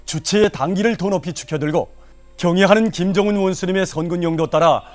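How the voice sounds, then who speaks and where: A man's voice: high-pitched, brisk, faint music behind. A man with a North Korean accent reading scripted news in a solemn, declamatory manner. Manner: declamatory, formal. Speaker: news announcer.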